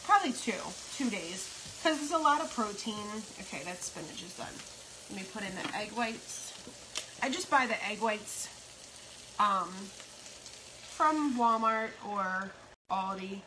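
A middle-aged American home cook livestreams from her kitchen, chatting casually and making unhurried, rambling asides while busy cooking. Her mid-range voice is expressive. A nearby propped phone picks up a noisy kitchen with a sizzling pan and stirring.

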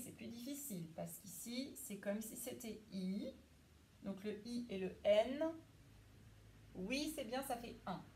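Woman teacher, slightly high voice, slow and clear with small children, faint noise behind. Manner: slow, clear and encouraging, praising pupils by name. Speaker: primary school teacher. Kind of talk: recorded class lesson for young children.

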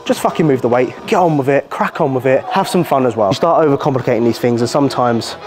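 British bloke in a gym, talks quick and blunt, sweary pep talk, music going. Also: male voice, mid-range voice, darkish tone. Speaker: fitness vlogger and coach. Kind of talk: casual motivational chat with swearing. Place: indoor gym. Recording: music playing behind speech.

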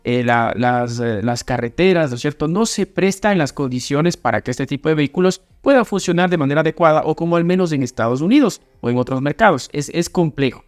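A man's voice: fairly high pitch, animated, a little fast, hardly any pauses. A young man, hosting a casual car review chat, emphatic and opinionated, often restarting his sentences. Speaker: car channel host. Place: small studio set with brick wall. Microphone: desk microphone.

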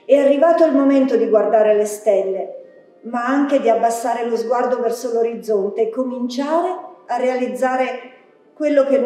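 High-voiced woman closing a festival. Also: mellow. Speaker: festival organizer. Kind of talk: closing announcement. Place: theatre. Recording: echoey hall from far off, faint music.

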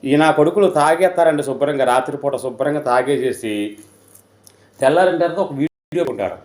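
A man's voice: fairly high pitch, fairly quick, a little mellow. A man hosting a live online debate, mocking and insulting his opponents in a sneering, abusive tone. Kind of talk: mocking live-stream commentary.

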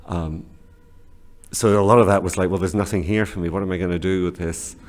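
In a small classroom office, a Scottish man in his forties who grew up in northern England is interviewed casually as a guest teacher trainer, answering with frequent fillers and restarts. His low-pitched voice stays steady and fairly quick, captured by a studio mic on a desk stand with slight background noise.

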